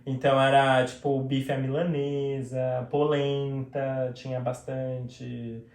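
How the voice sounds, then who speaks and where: A man from São Paulo, co-hosting a casual chat, relaxed and halting with many pauses. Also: medium pitch. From São Paulo, Brazil. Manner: hesitant, relaxed, halting speech. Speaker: co-host. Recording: echoey room.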